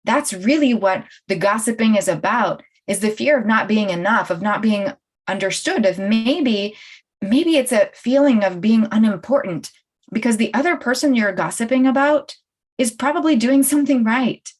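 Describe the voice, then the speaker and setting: A woman's voice: a little high, lively intonation, normal speed. Chatty woman coach who laughs often. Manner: laughs often, chatty, talks straight to viewers. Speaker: life coach and show host. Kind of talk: live-streamed coaching talk.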